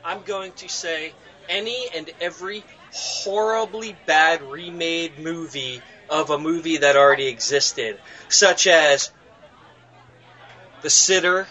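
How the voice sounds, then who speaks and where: A man speaking through a robot-like voice that sits a little high and bright, with a sharp edge. He talks in halting, searching bursts. The sound is dull and lo-fi. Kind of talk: casual group chat.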